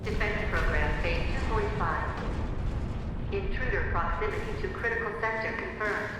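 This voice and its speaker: A woman's voice: mid-range voice, normal speed, very noisy, natural voice. A woman voicing a stern female security defense AI that makes cold, clipped system announcements. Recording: heavy echo and long reverb over loud game music.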